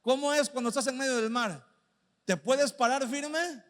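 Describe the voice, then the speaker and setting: A man preaching a sermon. He asks the congregation many rhetorical questions and slows right down when he reads Bible verses. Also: very high voice, in a large hall.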